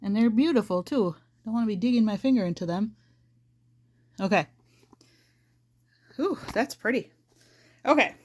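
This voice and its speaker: A woman in an easygoing beauty vlog, chatting to camera as she works. She rambles and thinks aloud, backing up to fix her own words as she goes. Her voice sits at a plain middle pitch. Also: lively intonation, normal speed, pauses often. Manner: chatty, thinks aloud, corrects herself mid-sentence. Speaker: beauty vlogger. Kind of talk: casual rambling chat to camera.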